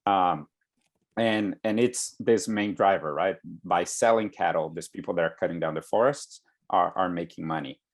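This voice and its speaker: Man from Brazil, very deep voice, hesitant, lots of fillers, online class talk over a video call. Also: normal speed. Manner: hesitant, many fillers and restarts. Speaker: guest speaker. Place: home in Brooklyn.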